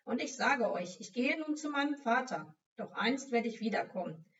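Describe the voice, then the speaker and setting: A woman voicing a calm male teacher in a Bible story, speaking slowly and clearly. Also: fairly high pitch. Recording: dull, slightly distant recording.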